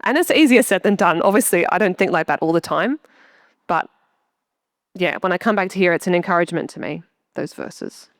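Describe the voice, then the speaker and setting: A woman's voice: lowish voice, lively intonation, brisk, no echo, studio quality. A young woman sharing a heartfelt testimony in a church interview, chatty and earnest. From Australia. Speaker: church member interviewed on stage.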